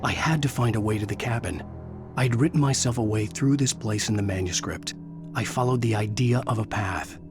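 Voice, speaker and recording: Man as brooding low-voiced writer, music behind. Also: natural voice. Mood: reflective, ominous. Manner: brooding, measured, literary. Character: haunted male writer, weary, resolute, introspective narrator. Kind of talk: dramatic scripted game narration.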